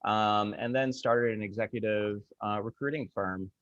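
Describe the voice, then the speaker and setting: A man moderating a panel over a video call, talking casually with many ums and pauses. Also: fairly low pitch, no room sound. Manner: relaxed, hesitant with many fillers. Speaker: panel moderator, executive recruiter. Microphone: video call microphone. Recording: dry, dull lo-fi video call audio.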